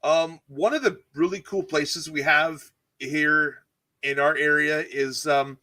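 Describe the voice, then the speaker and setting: A man with a fairly high voice talks casually about cooking, rambling a little and restarting his sentences as ideas come to him. He sounds keen and easygoing, like a teacher explaining how his kitchen runs. The sound is dry and close, with no room around it. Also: fairly even intonation, slow pace, bright, forceful tone, dry recording. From California. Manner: rambling, self-correcting, enthusiastic about food. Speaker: cooking channel guest, culinary teacher. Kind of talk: casual interview chat.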